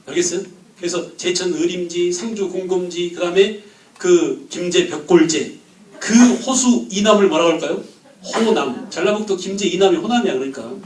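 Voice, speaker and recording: A man teaching a history class, firing quick questions at the students and joking with them. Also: sits high, a little mellow, reverberant, far from the mic, poor audio. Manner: quizzes the class with quick questions, jokes and laughs. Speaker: history lecturer.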